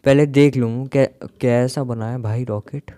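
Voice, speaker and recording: A man's voice: medium pitch, steady tone, unhurried, warm tone, no room sound. A man giving casual gameplay commentary in a playful, grumbling, joking way, slipping English words into his talk. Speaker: gaming YouTuber.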